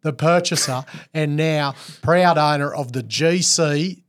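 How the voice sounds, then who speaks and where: An Australian man co-hosting a casual mining podcast, loud and jokey, slipping into race-caller bursts. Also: on the high side, takes it slowly. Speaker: podcast co-host. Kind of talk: casual chat.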